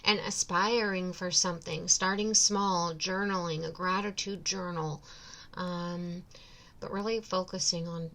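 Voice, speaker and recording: Slow, soothing woman tarot reader. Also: on the low side, fairly bright tone. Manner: slow, soothing, with many ums and pauses. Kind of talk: tarot reading to camera.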